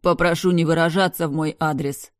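A woman puts on a dangerous, commanding man from a storybook, cold and mocking. He speaks slowly and calmly, with a quiet threat under each word, and his voice sounds close and dry. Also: low-pitched, dry recording, close to an everyday voice. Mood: cold menace. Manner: calm, threatening, measured delivery.

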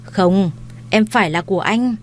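A woman's voice: mid-range voice, a little slow, slight background noise, natural voice. A woman voicing a desperate young man in an audio story, who pleads and then threatens. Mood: menacing. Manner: pleading, turning menacing.

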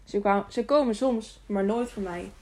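A woman's voice: mid-range voice, normal speed, dark tone, natural voice. A woman voicing a lonely, simple-minded young man who asks childlike, repetitive questions. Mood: eager.

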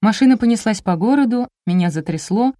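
A woman narrating a first-person audiobook in a lively, expressive way. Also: a little high, brisk, no echo, studio quality.

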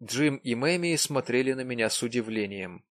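A man narrating an audiobook in a measured, earnest way, speaking as the first-person hero. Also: medium pitch, expressive, no echo, clean studio sound. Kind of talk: audiobook reading.

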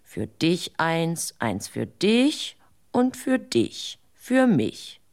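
An eager, simple-minded fool in a radio fairy tale, played by a woman. He speaks slowly and deliberately, sure his plan will work. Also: sits low, sing-song.

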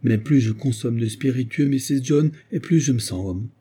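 A man voicing an agitated, tipsy, timid male doctor who pleads in a hushed, fretful way. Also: medium pitch, moderate pace, slightly rough, pitched above the performer's own voice, close to an everyday voice. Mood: plaintive.

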